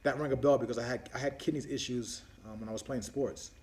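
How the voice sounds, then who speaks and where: A man's voice: mid-range voice, fairly even intonation, fast talker, darkish tone. A man hosting a casual live-stream Q&A on his phone, rambling with many fillers and restarts as he answers viewer questions one by one.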